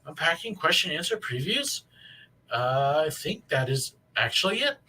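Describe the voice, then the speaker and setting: Male livestream host, wheezy and winded, sharp raspy tone, casual halting chat, mic at a distance. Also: on the high side, big pitch swings, slight background noise. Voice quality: wheezy, breathless. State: out of breath. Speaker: live stream host.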